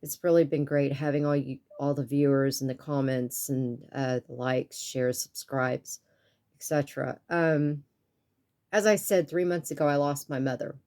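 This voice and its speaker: A woman talking to her viewers in a personal vlog, earnest and soft-spoken, with stuffy sinuses and a tearful edge, pausing and restarting often. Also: very deep voice, steady tone. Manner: halting, with many pauses and restarts. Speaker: YouTube art channel creator.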